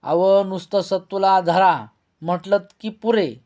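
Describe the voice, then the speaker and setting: A man reading a novel aloud, voicing a blunt, rustic older village headman who drawls slowly. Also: sits high, darkish tone.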